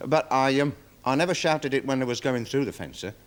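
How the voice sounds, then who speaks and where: An actor playing a nervous, deferential security guard testifying in a 1970s television courtroom drama, rambling with many fillers. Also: male voice, mid-range voice, animated, brisk, lightly acted. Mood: worried, defensive. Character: nervous security guard witness, dog handler. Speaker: witness in court.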